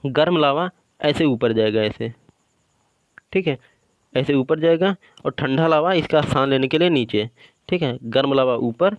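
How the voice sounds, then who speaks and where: A man with a fairly high voice teaches for an exam, explaining a drawing step by step while drilling terms in repeated question-and-answer rounds, ending almost every point with "ठीक है". There's no room sound, and the highs are cut off.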